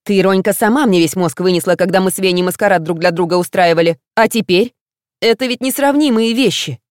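A woman voicing an excitable, pushy young female student who talks emphatically and exclaims a lot. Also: mid-range voice, fairly quick, no echo, clean studio sound, lightly acted. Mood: scolding. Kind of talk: audiobook character voice.

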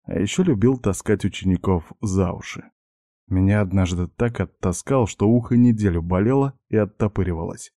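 Guy reading an audiobook, low and warm, dry close sound. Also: moderate pace, dry recording. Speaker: audiobook narrator. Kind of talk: scripted first-person narration.

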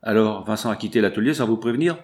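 A man's voice: on the low side, quick pace, a little mellow, close to an everyday voice. A man voicing a dry, strict factory owner. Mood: questioning. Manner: dry, firm.

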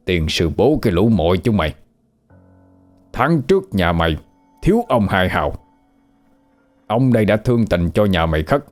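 A man voicing a brutal, greedy old village chief who snarls and shouts threats, in a storytelling recording. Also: low-pitched, very animated, moderate pace, pauses often, faint music behind. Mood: menacing.

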